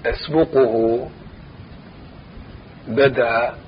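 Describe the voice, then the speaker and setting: A man teaching a grammar lesson, reciting verse lines slowly and repeating phrases as he explains each example. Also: mid-range voice, steady tone, muffled recording, slight background noise.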